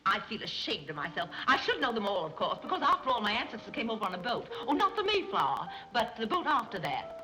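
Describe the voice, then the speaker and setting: A woman's voice: a little high, very animated, fast talker, bright, forceful tone, rough recording. An actress playing a scatterbrained middle-aged society mother in 1930s screwball comedy banter, rambling and dithering. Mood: dithering chatter. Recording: old 1930s film soundtrack, music behind.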